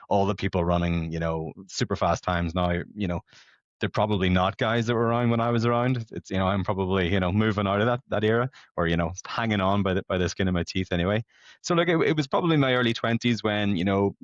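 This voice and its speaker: A chatty, self-deprecating man in his late thirties from Belfast, Northern Ireland, speaks in a low voice and rambles easily, like a podcast guest telling casual stories. He's an amateur competitive runner. The lo-fi audio is dry and a bit dull, with no echo.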